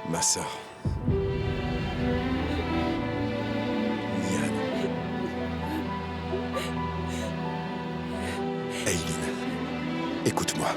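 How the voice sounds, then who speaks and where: An actor voicing a protective young man in a French drama dub, speaking softly and reassuringly. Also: sits low. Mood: earnest. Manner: soothing, reassuring, soft. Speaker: dubbed actor in a TV series. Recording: loud dramatic score behind dialogue. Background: music.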